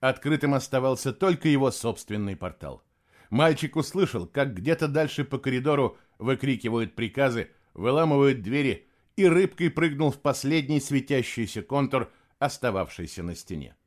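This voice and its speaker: A man narrating an audiobook in an expressive storytelling manner. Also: medium pitch, moderate pace. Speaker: audiobook reader. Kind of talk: scripted narration.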